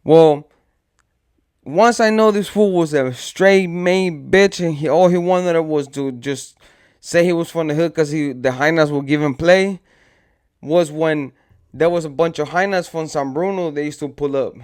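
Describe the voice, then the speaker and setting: A man with a clear, resonant, slightly high voice tells a story from his own past. He talks in casual street slang and rambles from one detail to the next. He acts out what his friends said as he goes. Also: a little slow, a little mellow.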